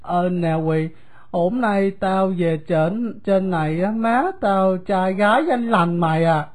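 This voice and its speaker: A woman doing a soft-spoken poor young boy. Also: mid-range voice, unhurried, close to an everyday voice. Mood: confiding. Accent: Southern Vietnamese. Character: poor scolded young boy Hồi, gentle and hopeful.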